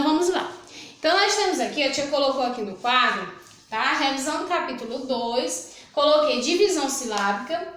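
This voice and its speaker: A woman's voice: high voice, a bit bright. A middle-aged Brazilian woman teaching young children, explaining patiently and checking in after each point. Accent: Brazilian Portuguese. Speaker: primary school teacher. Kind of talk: recorded remote lesson. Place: room with a whiteboard. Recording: very echoey room.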